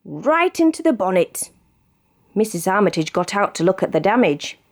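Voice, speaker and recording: Reading a children's storybook aloud, a British-accented woman uses an expressive narrating style, her medium-pitched voice moving at a normal speed.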